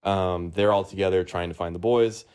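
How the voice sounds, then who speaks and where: A man's voice: sits low, fairly even intonation, moderate pace, a little mellow, clear, resonant tone. A man hosting a casual podcast, rambling through a movie plot recap with lots of ums and uhs among friends. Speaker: podcast host.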